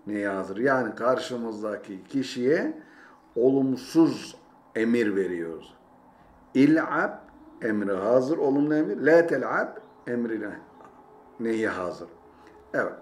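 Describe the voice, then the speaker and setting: A man's voice: medium pitch, a little hiss or hum. A man teaching a language lesson, saying each phrase twice and then translating it. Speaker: Arabic teacher. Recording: roomy echo, faint ambience.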